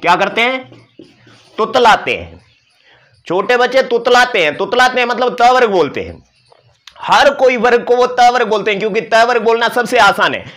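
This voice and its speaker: A man's voice: extremely high pitch, lively intonation, moderate pace, a bit bright. A male teacher giving an exam-prep lecture, explaining and demonstrating sounds with playful asides to his students. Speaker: Sanskrit teacher.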